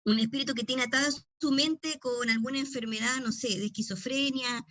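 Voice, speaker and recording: A woman's voice: high-pitched, fairly even intonation, fairly quick, a bit bright, a little hiss or hum. A middle-aged woman pastor with a Chilean accent, teaching a deliverance session in a conversational storytelling way with frequent tag questions.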